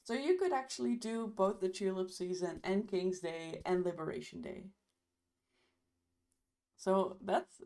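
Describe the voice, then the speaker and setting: A woman's voice: on the low side, vocal fry, a little mellow. A young woman hosting a live stream, chatting casually and thanking her viewers while losing her voice. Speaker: livestream host.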